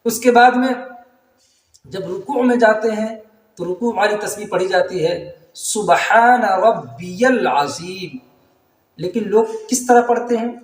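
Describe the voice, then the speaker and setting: A man teaching how to pray, in an earnest, pleading tone, stretching out the Arabic phrases very slowly as he recites them. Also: high-pitched, far from the mic. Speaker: religious teacher. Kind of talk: instructional talk on prayer. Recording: roomy echo from away from the mic.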